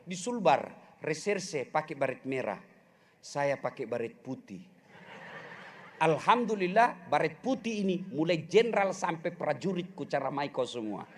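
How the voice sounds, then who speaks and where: A man's voice: on the high side, unhurried, slight background noise. A middle-aged man preaching a humorous sermon, joking and speaking straight to the congregation. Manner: animated, joking, addresses the congregation directly.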